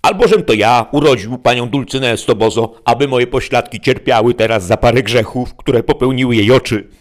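A man's voice: medium pitch, normal speed, voice pushed up, lightly acted. A man voicing a coarse, stubborn peasant squire who talks in indignant bluster. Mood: indignant protest.

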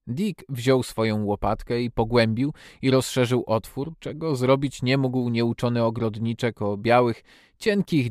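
A man narrating a storybook in a steady, measured reading voice. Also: mid-range voice, dry recording, studio quality. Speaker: audiobook narrator.

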